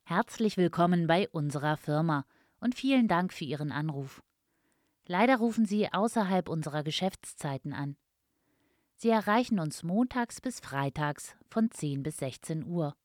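Woman, customer service voice, scripted voicemail announcement, polite, formal, lowish pitch, very dry close sound. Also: animated, moderate pace, a little mellow, dry recording. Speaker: phone announcement voice. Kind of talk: scripted answering machine announcement.

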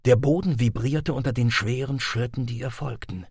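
Gravelly, husky male audiobook narrator. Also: mid-range voice, normal speed, no room sound, clean studio sound. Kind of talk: scripted narration of audiobook excerpts.

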